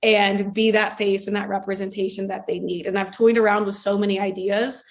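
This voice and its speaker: A woman's voice: medium pitch, little pitch movement, brisk. A young adult woman from Ohio, a former elementary school teacher, speaking earnestly and reflectively as an interview guest. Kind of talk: conversational interview.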